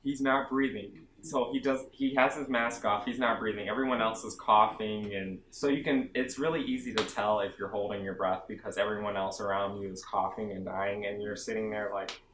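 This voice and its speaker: A man's voice: fairly low pitch, normal speed, few pauses. A young man vlogging about his basic training, telling the story casually and a bit dramatically, with lots of "like" fillers. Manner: animated, self-dramatizing, many "like" fillers. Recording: echoey room, faint background hum.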